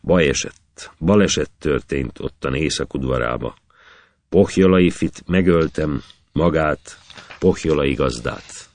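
A man's voice: very deep voice, a little mellow. A man reciting as a boastful young hero. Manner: proud, declaiming in verse.

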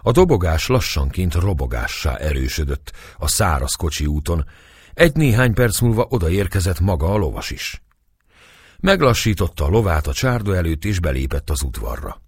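Deep husky storybook narrator. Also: male voice, dry recording, studio quality. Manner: expressive storytelling reading. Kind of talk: audiobook narration.

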